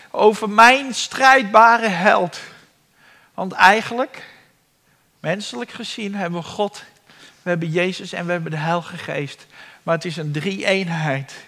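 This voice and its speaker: High-voiced man preaching in a reverberant hall. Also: pushed and bright. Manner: dramatic preaching, acting out cries. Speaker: pastor. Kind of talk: sermon. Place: church hall. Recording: long reverb of a church hall.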